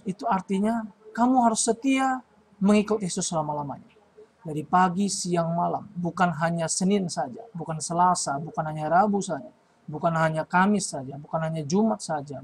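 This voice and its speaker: A man's voice: sits high, moderate pace, breathy edge, poor audio. A man giving a sermon to primary schoolchildren at a retreat, asking questions and answering them himself, repeating lines for emphasis. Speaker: children's retreat speaker.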